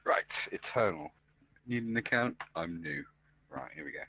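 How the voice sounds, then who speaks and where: A man's voice: low-pitched, animated, normal speed, pushed and bright, no room sound, rough recording. A man chatting casually with a streamer, laid-back and giving short replies. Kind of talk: casual chat.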